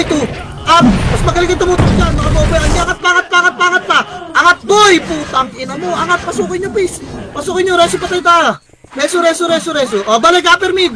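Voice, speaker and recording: A young man with a very high voice leads his guild over voice chat during a live game. He barks short orders again and again, counts down pushes and swears often. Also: bright, forceful tone, a little hiss or hum. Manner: rapid repeated commands, frequent cursing. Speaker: guild shot caller.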